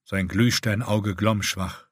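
Husky male audiobook narrator. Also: on the low side, fairly even intonation, takes it slowly, no echo, studio quality. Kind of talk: scripted narration.

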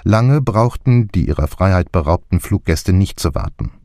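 A man reading a detective novel aloud in even, measured narration. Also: sits low, no echo, studio quality. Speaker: audiobook narrator. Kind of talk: scripted narration.

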